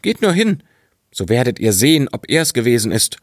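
A man's voice: medium pitch, sing-song, moderate pace, no room sound, studio quality, pitched above the performer's own voice. A man voicing a simple-minded, fearless young farm lad in a fairy-tale audiobook, naive and earnest. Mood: protesting innocence.

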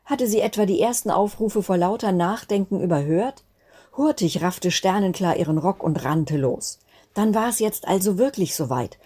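A woman narrating a Christmas children's story in a gentle, expressive reading manner. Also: mid-range voice, moderate pace, husky. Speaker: guest storyteller.

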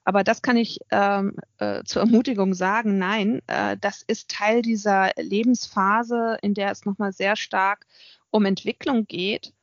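A middle-aged woman, an author and consultant, speaks in a reflective interview, thoughtful and full of hesitations. Her mid-range voice keeps a steady tone at a measured pace. The recording is dry and the audio sounds dull.

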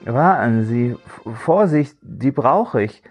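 A man's voice: medium pitch, animated, slow, soft background music, pitched above the performer's own voice. A man voicing a drunk young man on crutches who pleads and stammers, in a thriller audiobook. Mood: flustered.

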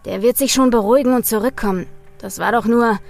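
A woman's voice: on the high side, fast, gravelly, a little mellow, soft background music. A woman voicing a boorish, hulking young man who bellows and mocks. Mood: mocking. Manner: bellowing, mocking.

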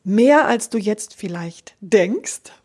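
Husky-voiced woman teaching voice. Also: mid-range voice, slow pace. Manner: calm, explanatory, addresses listener directly. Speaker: voice coach. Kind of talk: spoken voice lesson.

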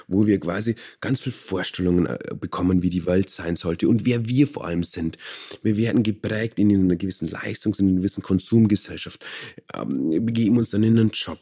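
Low dark-voiced man explaining meditation. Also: husky. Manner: calm, searching for words, explanatory. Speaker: meditation teacher and author. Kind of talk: interview conversation.

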